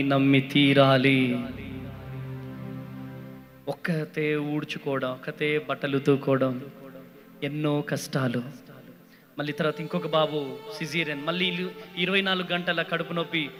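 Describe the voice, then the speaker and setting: Middle-aged male pastor, impassioned testimony, soft then shouting, long hall reverb, light music bed. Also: fairly high pitch, flat delivery, moderate pace. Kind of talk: emotional testimony sermon.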